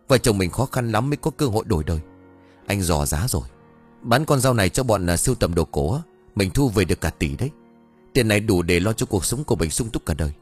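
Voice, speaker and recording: A man's voice: fairly low pitch, breathy edge. A man voicing a greedy young husband who is defiant and scheming, talking brusquely and defensively.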